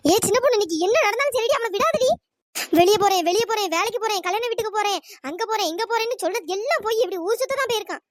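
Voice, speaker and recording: A shrill furious jealous wife. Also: very fast, no echo. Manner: shrieking, scolding, name-calling. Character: furious jealous wife chasing her cheating husband. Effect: pitch-shifted voice. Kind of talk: cartoon comedy voice acting.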